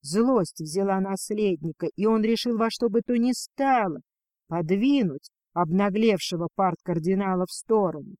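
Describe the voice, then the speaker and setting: A man reading a fantasy novel aloud as an audiobook narrator, in a steady storytelling manner. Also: high-pitched, normal speed, dry recording, clean studio sound.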